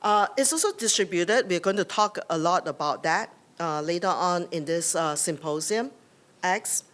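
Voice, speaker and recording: A woman's voice: lowish voice, normal speed, fairly bright tone. Singaporean woman at a podium, "right?" tags. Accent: Singaporean English. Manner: loose, rambling delivery with frequent "right?" tags and fillers. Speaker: conference host. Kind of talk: welcome remarks at a symposium. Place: conference hall, speaking at a podium. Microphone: podium microphone.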